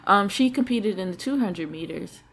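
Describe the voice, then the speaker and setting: A woman's voice: medium pitch, moderate pace. Chatty woman co-host with faint hiss. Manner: chatty, animated storytelling with slang. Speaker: podcast co-host. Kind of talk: casual chat.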